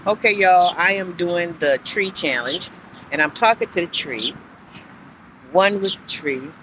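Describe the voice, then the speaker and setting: A woman's voice: lowish voice, unhurried, fairly bright tone. A woman who works as a life insurance agent, talking to her viewers in an upbeat, chatty vlog while she is out on a walking track. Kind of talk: casual outdoor vlog. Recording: outdoor traffic noise.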